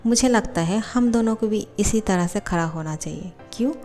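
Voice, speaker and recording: A woman's voice: medium pitch, normal speed, warm tone, soft background music, close to an everyday voice. Woman voicing a teasing young college guy. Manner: teasing, coaxing. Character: teasing, calm young male college student.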